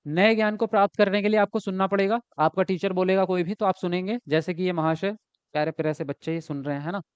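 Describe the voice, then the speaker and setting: This man talks fast in a high voice with fairly even intonation and a clean tone. He's running a live online exam-prep class, chatting away, asking "right?" again and again, and replying to chat comments. The sound is dry, dull, and lo-fi.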